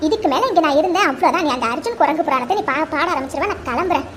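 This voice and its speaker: A high, sharp voice for a teasing young woman in a homemade cartoon, voiced by a woman. She needles her friend with quick, mocking comebacks. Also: expressive, a little hiss or hum. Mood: exasperated.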